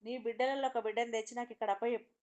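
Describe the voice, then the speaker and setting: Woman storyteller doing a threatening giant monster lizard, quick and loud. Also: on the high side, level tone, lo-fi sound, close to an everyday voice. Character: menacing monster lizard, giant and red-eyed.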